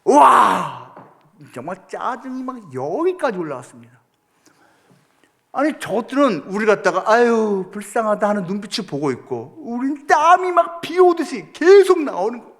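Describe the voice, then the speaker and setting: A middle-aged man preaching a sermon, telling a story with lively acted-out quotes. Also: very high voice, moderate pace, gravelly. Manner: animated storytelling, acting out prayers and quotes. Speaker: pastor.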